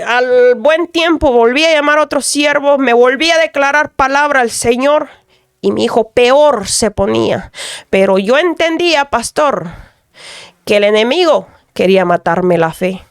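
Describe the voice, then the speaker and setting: A woman's voice: on the high side, smooth, no room sound, studio quality. A mother gives an earnest testimony, often addressing the pastor. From Dominican Republic. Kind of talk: radio testimony.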